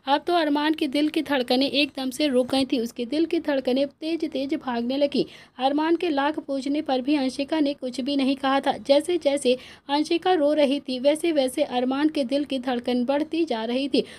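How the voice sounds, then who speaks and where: Woman, storyteller, high pitch, emotive narration, voices the dialogue. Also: fairly even intonation, moderate pace, darkish tone. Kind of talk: reading a serialized family romance story.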